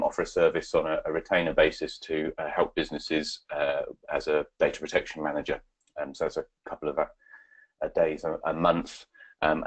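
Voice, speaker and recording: A man giving a webinar presentation and answering questions, halting with many fillers and restarts. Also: a bass voice, breathy edge.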